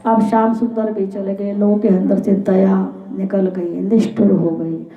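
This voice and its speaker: A woman's voice: medium pitch, little pitch movement, a little slow. A woman telling a devotional scripture story at a religious gathering, in a dramatic and emphatic way. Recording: echoey, tinny phone-like sound.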